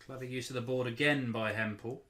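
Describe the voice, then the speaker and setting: A man's voice: mid-range voice, steady tone, fairly quick. A man giving live darts commentary, analysing the players' choices and reacting to each throw. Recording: loud background noise, clicks.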